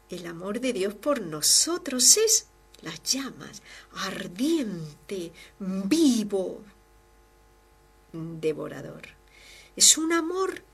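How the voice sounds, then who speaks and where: Fervent nun on a devotional program. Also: female voice, mid-range voice, breathy edge. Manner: fervent, expressive, swings from loud to hushed. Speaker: religious sister hosting a devotional program. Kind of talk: devotional talk and reading listener letters.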